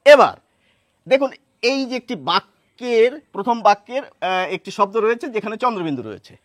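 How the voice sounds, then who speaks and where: Man, pronunciation teacher, high voice, dry close sound, patient demonstrations. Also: lively intonation, normal speed, no room sound. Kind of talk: spoken lesson to camera.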